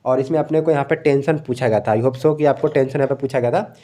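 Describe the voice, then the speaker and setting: A man's voice: mid-range voice, fast. A young man, casually going over exam questions as a coaching teacher and often repeating a filler phrase. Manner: relaxed, repeats "thik hai" often, mixes in English words. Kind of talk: casual explanatory lecture.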